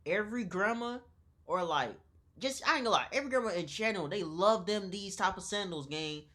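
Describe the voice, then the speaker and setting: A woman's voice: medium pitch, expressive, a little fast, a bit bright. A woman streaming on camera, reacting to a video in loose slang with lots of repeated words, talking straight to her viewers. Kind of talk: casual live-stream reaction commentary.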